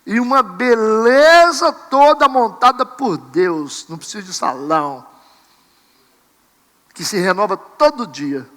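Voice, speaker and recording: Man, pastor preaching, lively sermon, bright forceful voice, high-pitched. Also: takes it slowly, long reverb tail. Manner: animated, acts out congregants and mimics camera clicks. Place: church sanctuary.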